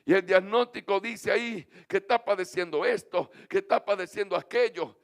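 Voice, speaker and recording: A man with a Dominican accent, a pastor preaching a sermon to his congregation. He calls on them to repeat phrases back to him and breaks into sung, shouted lines. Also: high voice, moderate pace, creaky. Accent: Dominican Spanish. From Dominican Republic. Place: church.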